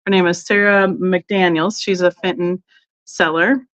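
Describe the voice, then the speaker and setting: A woman's voice: on the low side, steady tone, a little slow, fairly bright tone. Chatty woman hosting a live sale. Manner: rambling, chatty, greets viewers by name. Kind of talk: casual live-stream chat.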